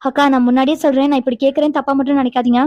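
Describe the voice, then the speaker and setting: Racing along in a high-sitting voice close to everyday speech, a woman plays a caring young cartoon character who questions and reassures the older sister figure. The recording is dry and muffled. Her delivery in this animated dialogue is lively, curious and reassuring.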